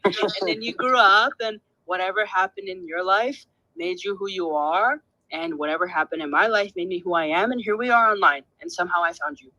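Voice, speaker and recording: A young man, an artist and guest, chatting in a bubbly, fast way with frequent laughs and many fillers. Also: high-pitched, pushed and bright, no room sound, rough recording. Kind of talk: casual chat on a podcast.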